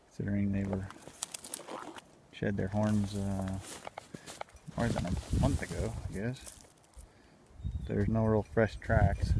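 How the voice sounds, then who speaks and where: A man vlogging while hiking outdoors, talking in a halting way with many pauses into a handheld camera microphone. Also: on the low side, vocal fry. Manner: halting, many uhs, soft-spoken. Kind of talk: casual hiking narration. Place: outdoors on a windy mountain ridge. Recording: loud wind noise on camera mic.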